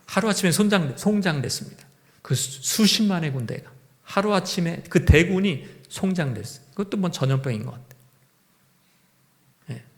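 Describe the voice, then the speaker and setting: High-voiced Korean pastor preaching. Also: male voice, animated, moderate pace. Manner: conversational preaching with rhetorical questions. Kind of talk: sermon.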